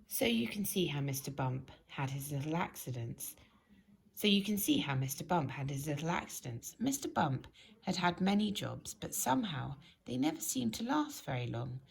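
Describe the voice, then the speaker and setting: A woman reads a children's storybook at a normal speed, her pitch swinging in a very animated way. Her voice sits a little low for a woman, with a creaky, gravelly edge, and she tells the story expressively, clearly stressing key words.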